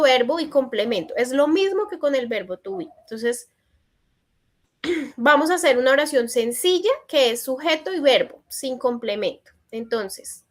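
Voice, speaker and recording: A woman teaching an online English class in Spanish, reading out student answers and gently correcting them. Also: high-pitched. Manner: encouraging corrections in a patient teacherly tone. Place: online session.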